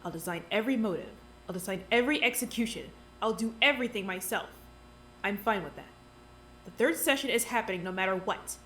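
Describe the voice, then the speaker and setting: A woman playing Doctor Yonekura, a smooth ruthless boss. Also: medium pitch, lively intonation, a little fast, bright, forceful tone, a little hiss or hum. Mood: coolly insistent. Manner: smooth, patronizing, insistent. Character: scheming woman doctor in charge, calmly ruthless. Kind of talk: fan audio drama acting.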